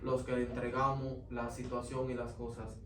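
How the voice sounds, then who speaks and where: A man's voice: medium pitch, monotone, moderate pace. A man giving an earnest Sunday school testimony in church, often calling his listeners brother. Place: church classroom. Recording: echoey room, mic far off, faint noise.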